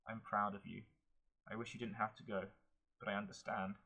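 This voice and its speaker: Frail old mother, grieving and loving, read by a male narrator: low, husky and flat, with no attempt at a woman's pitch. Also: normal speed, heavily acted. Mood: sad, resigned. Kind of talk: audiobook narration.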